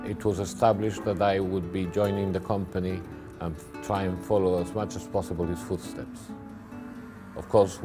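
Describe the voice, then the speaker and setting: Speaking at a fairly low pitch, a middle-aged man looks back on his family business during a documentary interview, often halting and repeating his words.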